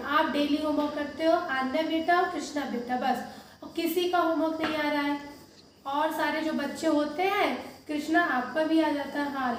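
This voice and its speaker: A woman primary school teacher giving an online lesson to young children, with slow, drawn-out word drills and some mild scolding about homework. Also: high-pitched, slight background noise. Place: home room, lockdown. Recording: echoey room, voice from a distance.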